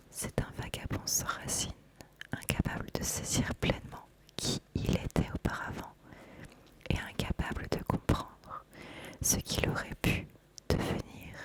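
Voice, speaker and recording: As an ASMR host showing off an oracle card deck, a woman keeps to a soft whisper, her phrasing deliberate and measured.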